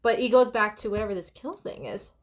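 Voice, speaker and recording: A woman musician giving casual reaction commentary on an album, excitable and analytical, now and then humming or singing along. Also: a little high, a little fast. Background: the reviewed song playing loudly.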